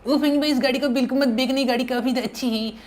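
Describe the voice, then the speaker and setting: A man's voice: extremely high pitch, steady tone, fast, pitched above the performer's own voice. A man voicing a cheeky, mischievous little cartoon boy, with a childish whiny lilt in gaming banter. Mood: excited. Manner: childish whiny lilt, starts lines with "uff, phir bhi". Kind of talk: gaming let's-play banter.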